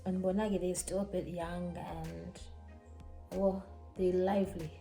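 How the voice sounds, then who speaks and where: A young South African woman telling a storytime in a casual, animated way. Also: lowish voice, a little slow, creaky, faint music behind. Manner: animated, code-switching, dramatic retelling. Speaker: vlogger. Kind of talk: casual storytime while getting ready.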